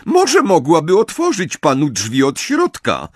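A man's voice: on the high side, huge pitch swings, a little slow, slightly rough, no room sound, clean studio sound, voice pushed up, heavily acted. A male audiobook reader voicing a stern, older female professor with a cold, clipped, impatient manner. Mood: icy. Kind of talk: audiobook character reading.

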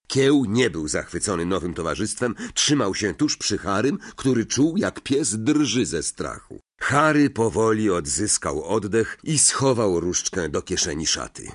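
Male audiobook narrator; lowish and husky, expressive and animated storytelling. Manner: expressive storytelling, varied intonation.

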